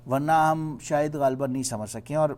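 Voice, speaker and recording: A man teaching a Quran study class, explaining patiently and reciting verses slowly. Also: on the high side, darkish tone.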